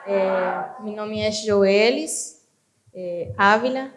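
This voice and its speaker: Slow Venezuelan woman in her twenties. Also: medium pitch. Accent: Venezuelan Spanish. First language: Spanish. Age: 20s. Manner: slow, soft self-introduction.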